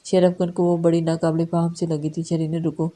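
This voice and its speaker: A woman narrating a romance novel in a steady, measured reading. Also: lowish voice. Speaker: novel reader.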